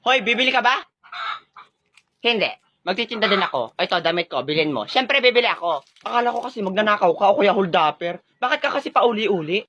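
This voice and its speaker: A woman's voice: medium pitch, expressive, a little fast, fairly bright tone. A woman performing a one-person comedy skit, playing several characters who trade sassy insults and bicker.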